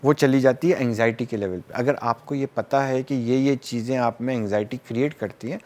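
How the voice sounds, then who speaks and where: A man's voice: mid-range voice, darkish tone. Man explaining patiently. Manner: explains with everyday examples, mixing English terms. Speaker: psychiatrist guest. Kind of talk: explanatory interview talk.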